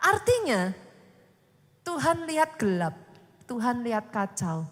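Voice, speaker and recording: A woman pastor, preaching a dramatic sermon that swings from loud to whispered. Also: a little high, big pitch swings, slow. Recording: long hall reverb.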